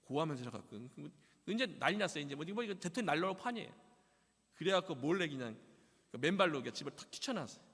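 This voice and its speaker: Man, pastor, testimony sermon, high voice, very animated delivery, long church reverb. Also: very fast, breathy edge. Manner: emotional storytelling, acts out quoted parents. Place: church sanctuary.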